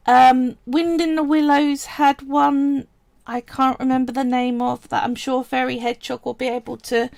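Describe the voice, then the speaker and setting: Her voice sits high, gravelly and a little mellow, with no echo, as she chats her way through a polymer clay sculpting project for live-stream viewers. She explains things casually, frequently pausing on "right" and "so."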